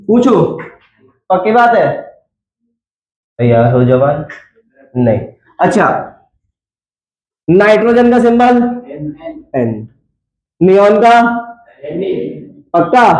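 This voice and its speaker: Male teacher, high voice, chatty lecturer who quizzes the class; roomy echo. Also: big pitch swings, slow, long pauses, a little mellow. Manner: chatty, coaxing, quizzes students. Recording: echoey classroom.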